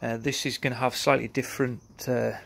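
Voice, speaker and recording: Husky, with vocal fry and a fairly bright tone, a man's medium-pitched voice stays level and runs a little fast. He presents a product matter-of-factly and a little hesitantly in a casual walkaround. It's recorded outdoors in a concrete yard by outbuildings on a handheld phone from behind the camera.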